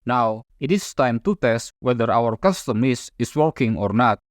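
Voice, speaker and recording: A software tutorial instructor whose first language is Indonesian narrates a spreadsheet tutorial, explaining each step in a calm, methodical way. His pitch is in a typical middle range for a man and his speed is normal. The recording is close and dry, without any room sound.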